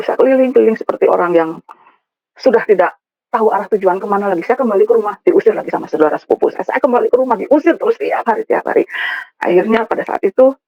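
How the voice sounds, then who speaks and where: A woman's voice: mid-range voice, no room sound. A woman from West Java giving an emotional personal testimony to a congregation, often turning to address the listeners directly. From West Java (Sundanese). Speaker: church testimony speaker. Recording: dull, dry recording.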